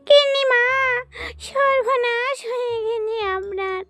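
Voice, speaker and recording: A woman's voice: extremely high pitch, fairly even intonation, measured pace. A woman voicing an anxious young female servant in a cartoon, worried and breathless. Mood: panicked. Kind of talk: cartoon voice acting.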